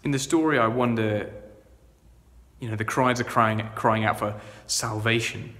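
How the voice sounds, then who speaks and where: A man preaching a sermon, earnest and conversational, moving between loud proclaiming and quiet reflection. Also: lowish voice, fairly even intonation, unhurried, in a large hall. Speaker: vicar. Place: church.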